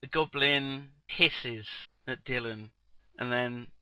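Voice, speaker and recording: A man as game master, narrating a tabletop game with sweary, amused, excitable banter. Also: medium pitch, slow pace, smooth, no echo, low-quality recording.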